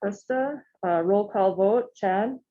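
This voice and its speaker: A woman chairing a school board meeting, brisk and friendly as she reads a formal resolution aloud and calls the roll. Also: mid-range voice, dark tone. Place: meeting room. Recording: dull lo-fi sound.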